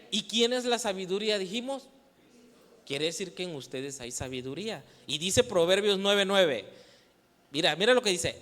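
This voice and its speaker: A man with a Mexican Spanish accent preaches to young people in a church hall, his voice sitting fairly high. He keeps throwing questions at the audience and waits for them to answer, teasing them along the way. The sound carries a long reverb from the big room. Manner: lively, teasing, playful with the youth. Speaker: youth preacher. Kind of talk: sermon.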